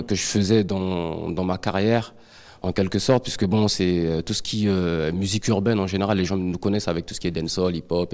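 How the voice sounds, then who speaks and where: A man's voice: low-pitched, darkish tone. A man from French Guiana with a French Guianese accent, a musician guest in a TV studio interview, talking modestly with many fillers and small laughs.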